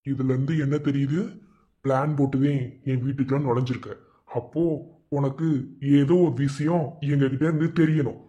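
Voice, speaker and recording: A man's voice: mid-range voice, fairly even intonation, moderate pace, mellow, muffled recording, close to an everyday voice. A man with a Madurai Tamil accent voicing a spiteful, scheming young village husband in a cartoon, muttering threats. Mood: menacing. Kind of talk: cartoon voice acting.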